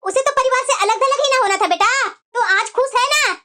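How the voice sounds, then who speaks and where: A woman's voice: very high-pitched, normal speed, sharp tone. A woman voicing a stern, bitter older mother-in-law in a cartoon, scolding and sarcastic.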